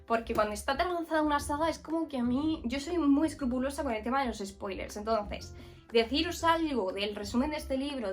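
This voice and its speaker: A woman from Murcia, giving a casual, frank book review with many fillers and restarts. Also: sits high. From Murcia, Spain. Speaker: book vlogger.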